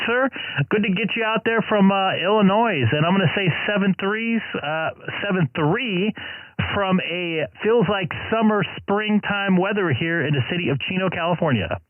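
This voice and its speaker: A man's voice: high voice, no echo. A man on amateur radio making ham radio calls and contacts, speaking conversationally with hesitations and phonetically spelled call signs. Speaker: amateur radio operator, livestream host. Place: home radio shack. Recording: tinny band-limited phone-like audio, dry.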